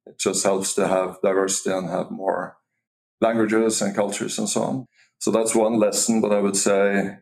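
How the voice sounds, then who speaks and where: A man from Norway, a company CEO, talking as a guest in a remote interview, measured and often restarting his sentences. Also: on the low side, creaky, darkish tone. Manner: measured, with frequent restarts and fillers. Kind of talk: casual interview talk.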